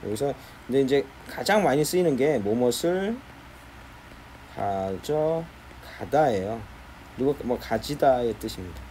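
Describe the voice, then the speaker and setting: Lively Korean male English teacher. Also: mid-range voice, measured pace, a little hiss or hum. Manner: explains patiently, repeats key phrases, says "자" often. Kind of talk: explaining English phrases in a lecture.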